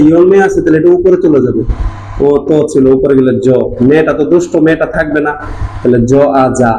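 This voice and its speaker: A man's voice: fairly high pitch, darkish tone. Man, Bengali speaker, Korean class teacher, storytelling, questions to students, roomy echo, faint noise. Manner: storytelling, asks students questions and answers them. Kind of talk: explanatory lesson. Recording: echoey room, faint background noise.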